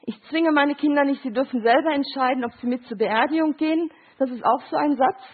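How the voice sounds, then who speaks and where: A woman's voice: high-pitched, a little fast. A middle-aged woman, a grief counselor, gives a talk with picture cards, explaining with short examples and quoted voices and checking in with "Ja?". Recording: thin phone-like sound.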